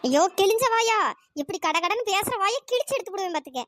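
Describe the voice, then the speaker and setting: A woman voicing a bossy, sharp-tongued old wife in a cartoon who taunts and threatens her husband. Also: very high voice, expressive, quick pace, no echo, clean studio sound. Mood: threatening.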